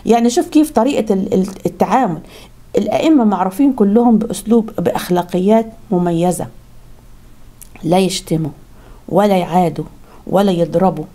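A woman's voice: mid-range voice, warm tone. A woman with an Egyptian accent giving a conversational religious talk, telling stories and often restarting her words. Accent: Egyptian Arabic. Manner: fast, conversational, frequent restarts. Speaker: religious speaker.

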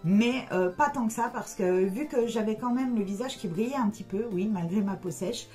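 A woman's voice: mid-range voice, moderate pace, a little mellow, faint music behind. A middle-aged woman chatting casually through a makeup review as a beauty vlogger, with many hesitant fillers.

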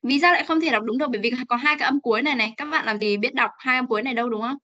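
A woman's voice: high-pitched, very fast, sharp tone, muffled recording. A young Vietnamese woman teaching English on a video call, coaxing students to repeat and drilling their pronunciation. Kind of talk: online class teaching.

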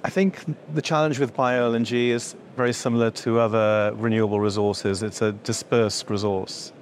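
A middle-aged man with a lowish, fairly level voice explains things in a seated interview, stopping often on fillers and false starts. He talks through a lapel mic in an indoor event room with a faint hum behind him. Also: steady tone, moderate pace. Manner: hesitant, many fillers and restarts, gesturing while explaining. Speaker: industry association executive. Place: indoor event room before a logo backdrop.

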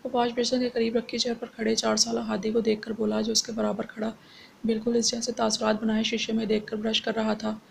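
Female audiobook narrator, scripted novel reading, even and unhurried, slightly high, almost no pitch movement. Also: creaky, slight background noise.

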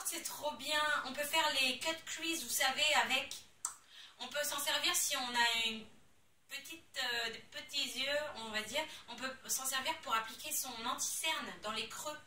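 A young woman gushes over the products she unboxes, casual and full of exclamations. Her voice is quite high and very bright. It sounds roomy and echoey, with her a little away from the mic and a faint hiss behind. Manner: excitable, gushing, exclamations. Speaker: beauty vlogger. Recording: echoey room, somewhat far from the mic.

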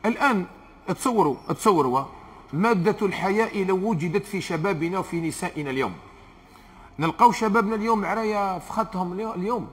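Fast, high-voiced Algerian preacher man. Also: a bit bright. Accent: Algerian Arabic. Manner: earnest, repeats key phrases for emphasis. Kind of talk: sermon.

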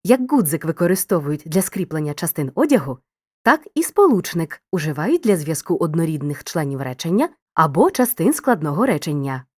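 Lively-voiced woman narrating a lesson. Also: sits low, fairly quick, no echo, studio quality. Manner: clear, didactic, addresses the listener directly. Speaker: teacher. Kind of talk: scripted narration.

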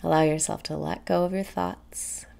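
A young woman leading a guided meditation in a soft, soothing, breathy way, leaving pauses between phrases. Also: low-pitched, steady tone. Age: young adult. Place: small room indoors.

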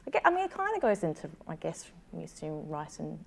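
An Australian playwright in her thirties gives a casual interview while seated in a small indoor room, speaking in a hesitant, thoughtful, self-deprecating way. Her low voice swoops wildly in pitch, moves at a quick pace and carries vocal fry, with slight background noise.

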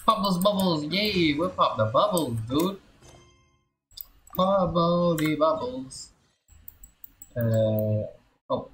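A man streams a video game, tossing out short, playful exclamations to himself and his chat in casual live commentary. His voice is fairly high and bright, animated yet slow, with long pauses. Game music plays behind him in a roomy, echoing space.

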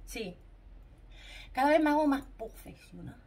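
A chatty woman with a Spanish accent and a fairly high voice reviews makeup for her followers, gushing over each product. She talks casually and warmly to the viewers. The camera sits in a ring light a short way off in her room. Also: lively intonation, unhurried. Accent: Spanish from Spain. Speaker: beauty vlogger. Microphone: camera mounted in a ring light, a bit back.

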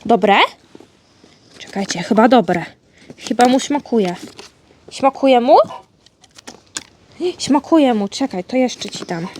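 Woman, high voice, playful pet talk to a dog, faint hiss behind. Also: expressive, takes it slowly, pauses often, darkish tone. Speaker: vlogger, dog owner. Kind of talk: casual chat to her dog. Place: indoors at home with her dog.

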